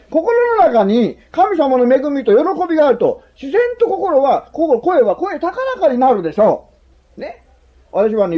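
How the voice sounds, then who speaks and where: A male preacher whose husky voice swings widely up and down as he talks. He delivers his sermon in a chatty, joking way. He keeps tagging his points with a questioning "ne" for the congregation. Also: very high voice, lo-fi sound. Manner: chatty and humorous, often adds a questioning "ne"; asks the listeners questions.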